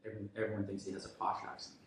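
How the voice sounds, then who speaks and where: A man's voice: lowish voice, little pitch movement, rapid-fire. A man hosting a casual interview and putting questions to his guests. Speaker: host. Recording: very echoey room, faint noise.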